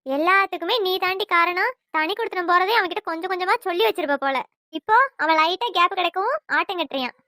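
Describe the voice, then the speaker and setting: A woman voicing a scolding, sharp-tongued old mother-in-law in a family cartoon, nagging and quarrelsome. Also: extremely high pitch, fast talker, dry recording, clean studio sound. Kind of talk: cartoon voice acting.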